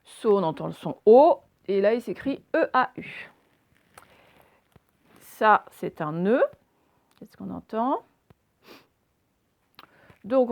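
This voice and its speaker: Slow, gravelly-voiced woman teaching phonics. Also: medium pitch. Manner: slow and deliberate, sounding out letters and quizzing listeners. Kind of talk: phonics reading lesson.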